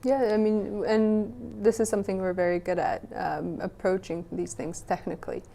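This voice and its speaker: A woman's voice: mid-range voice, fairly even intonation, normal speed, creaky, dark tone. A young woman from Western Bosnia, answering interview questions thoughtfully, with frequent restarts. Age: young adult. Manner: thoughtful, many restarts and "you know". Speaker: guest.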